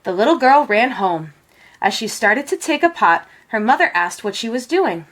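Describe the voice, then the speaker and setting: Reading a children's picture book aloud, this woman uses a somewhat high voice and an expressive, measured storytelling style.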